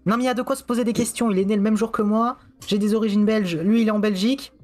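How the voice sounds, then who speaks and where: A man co-hosting a live stream, chatting in a relaxed, self-mocking way. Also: sits high, quick pace, soft background music. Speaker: co-host. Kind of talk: casual live-stream chat.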